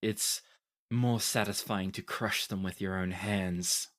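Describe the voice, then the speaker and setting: A man's voice: deep voice, fairly even intonation, slow, a bit bright. A man voicing an imperious, cruel noblewoman with a formal, condescending manner in a tabletop game. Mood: cool, approving. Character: imperious, cruel noblewoman presiding over an arena. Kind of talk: tabletop game role-play.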